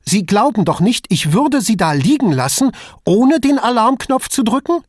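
A man doing a rattled young lawyer, pitched high. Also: measured pace, a little mellow, no echo, clean studio sound. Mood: agitated protest. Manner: agitated, protesting, high-strung. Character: young male lawyer, nervous and defensive.

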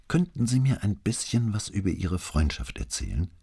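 A courteous middle-aged detective, as a male reader plays him questions a witness gently and patiently. His voice sits very low, dark and mellow, with a husky edge. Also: big pitch swings, normal speed, heavily acted. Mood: gently probing.

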